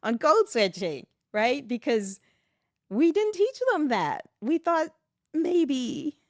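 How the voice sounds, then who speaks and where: A middle-aged West African woman, a guest on a podcast, speaks slowly in a high voice during a reflective conversation. She tells animated stories, laughs often and acts out the voices of people she quotes. The recording is studio quality with no echo.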